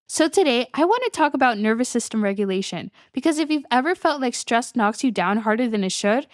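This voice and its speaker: A young adult woman, a coach, hosts her own solo podcast in a casual, upbeat monologue, often breaking into little laughs. Her voice is on the high side, animated, and fairly quick. The studio-quality recording has no echo.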